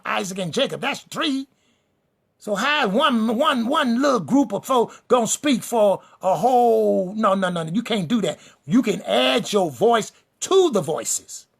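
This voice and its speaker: A man with a high, gravelly voice preaching a fiery sermon-style lecture. He hammers his points home in repeated refrains and lists, speaking directly to the people in front of him. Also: a bit bright. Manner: emphatic and repetitive, addresses the listeners directly; builds lists and refrains for rhythm. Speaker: preacher and teacher.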